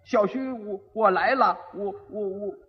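A dim-witted young bridegroom who stutters and repeats his words in a soft mumble, as a male storyteller puts him on. He sounds rather high for a man. The old recording is dull and has a long reverb. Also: measured pace. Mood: stammering dim. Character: stammering slow-witted young rich husband.

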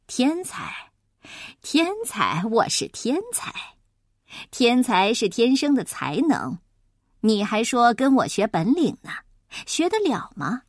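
A woman's voice: on the high side, very animated, slow, no room sound, studio quality, exaggerated voice. A woman voicing a boastful, lazy adult male acrobat who talks in a haughty, scornful drawl.

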